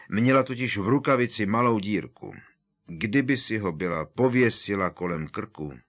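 A man voicing a calm, wise elderly headmaster in an audiobook reading, measured and soothing. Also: sits low. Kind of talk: audiobook character voice.

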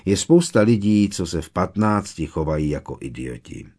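A man's voice: deep voice, lively intonation, warm tone, husky, exaggerated voice. A man reading the lines of a hot-tempered, loyal adult wizard who speaks earnestly. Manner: earnest, emphatic. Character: loyal grown wizard godfather, fiery temper.

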